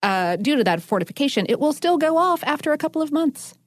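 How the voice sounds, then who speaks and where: A woman's voice: sits high, very animated, fast talker, no room sound. A woman co-hosting a podcast, explaining food history and science in a chatty, enthusiastic way with lots of asides. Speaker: podcast co-host.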